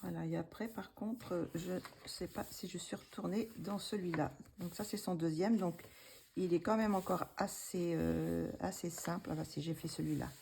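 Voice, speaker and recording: A woman casually showing her coloring books, hesitant with many fillers and restarts, gently self-deprecating. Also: on the low side, normal speed, creaky, a little hiss or hum. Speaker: coloring book vlogger.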